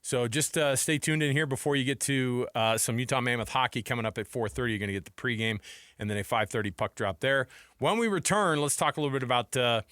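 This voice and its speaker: This sports talk radio host speaks quickly in a mid-range, slightly bright voice, keeping things informal and conversational. He talks to his co-host and audience like friends, tossing out "man" and "dude." It's a studio recording with no room sound.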